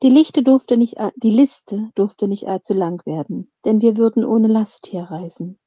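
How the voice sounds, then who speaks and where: A woman narrating a fantasy audiobook in a calm, measured storytelling voice. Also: medium pitch, no room sound. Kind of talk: audiobook reading.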